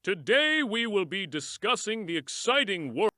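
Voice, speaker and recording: Man, synthetic voice, morphing voice-changer effect, bright sharp tone, slow announcer read. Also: high voice, big pitch swings. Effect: voice-changer morphing on a text-to-speech voice. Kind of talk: synthetic sample narration.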